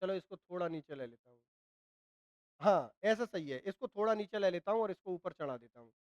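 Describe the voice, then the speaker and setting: A male chemistry teacher speaks a little fast in a high-sitting voice with lively intonation, recorded dry. Lecturing at a board in a Hindi accent, he coughs through a dry throat. He asks students questions and answers them, repeats his points, and checks in with them by often saying "ठीک है ना".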